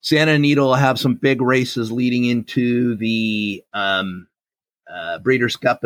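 A man with a gravelly, raspy voice from a strained throat, co-hosting a casual podcast in short, halting phrases. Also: lowish voice, a bit bright, no echo. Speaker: podcast co-host.

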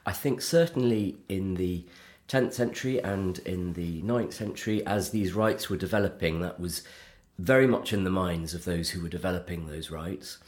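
A middle-aged Church of England vicar hosts a theology podcast, holding a conversational theological discussion in an earnest, articulate way. His voice is low and darkish, at a normal speed.

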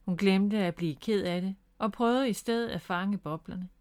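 Woman reading a kids storybook out loud, calm and gentle, steady pace. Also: medium pitch. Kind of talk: reading a children's book aloud.

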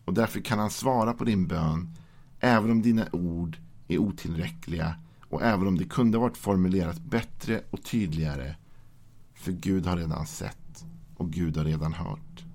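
Man, devotional sermon, low voice, gravelly, calm and gentle. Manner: reads scripture then explains it in a calm, gentle way. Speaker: preacher.

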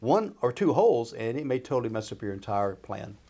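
With a mellow, sing-song, mid-range voice and a fairly quick pace, a man who plans retirements and appears as a radio show expert talks through finances conversationally. He keeps it folksy and informal, checking in along the way.

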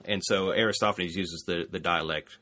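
A classics scholar explains ancient texts in an easy conversational interview. His voice is very low and his phrases fade quietly at their ends. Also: steady tone, moderate pace.

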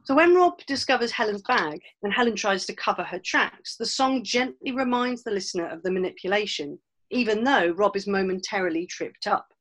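A woman presenting a scripted academic analysis in a measured manner. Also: mid-range voice, lively intonation, fairly bright tone.

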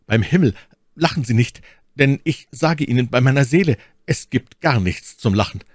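A man's voice: medium pitch, sing-song, takes it slowly, darkish tone, no echo, clean studio sound, pitched above the performer's own voice. A man voicing an agitated young male musketeer who speaks urgently. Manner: urgent, breathless.

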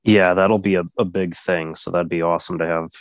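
A deep-voiced man answers in short, easygoing lines during a casual chat. The recording is close and dry. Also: steady tone, brisk, no echo. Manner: brief, easygoing replies.

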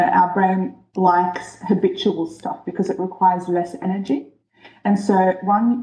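Mellow-voiced woman in a roomy echo. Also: fairly low pitch. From born in Egypt, raised in New Zealand and Australia. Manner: explanatory, measured. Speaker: guest, change expert. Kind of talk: casual interview.

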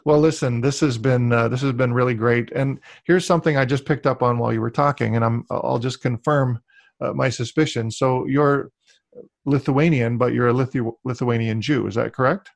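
A male interview host with a gravelly, fry-edged voice, recorded dry and close. He rambles warmly through his questions, with lots of fillers and restarts. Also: medium pitch, fairly even intonation, moderate pace, no room sound. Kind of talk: casual interview conversation.

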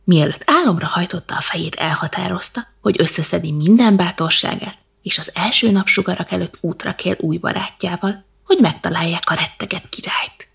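A woman reading a bedtime story in a soft, slow, half-whispered manner. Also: lowish voice, creaky, slightly rough.

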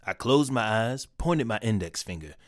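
A man's voice: lowish voice, expressive, normal speed, dry recording, close to an everyday voice. Pompous oblivious detective, dry studio read, played by a man. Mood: smug. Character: pompous bumbling male detective. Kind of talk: comedic audio drama.

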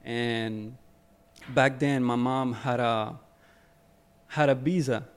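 Speaking slowly in a clean tone, a young guest photographer from Ecuador keeps things relaxed and easygoing in a casual podcast interview. His pitch is an ordinary mid level, and he peppers his sentences with "like" and "you know," restarting often and repeating himself.

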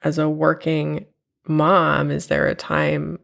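Woman podcast host, nasal with a cold, low voice, slow, reflective. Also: completely flat delivery, creaky. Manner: reflective, unhurried, with fillers and soft laughs. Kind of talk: personal podcast monologue. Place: at home. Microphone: home podcast mic.

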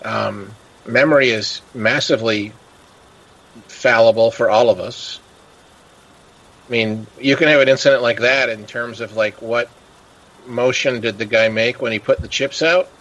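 A man's voice: medium pitch, fairly even intonation, measured pace, a bit bright, dull audio. A man chatting casually as a podcast host, telling stories and acting out the people he quotes. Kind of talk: casual chat.

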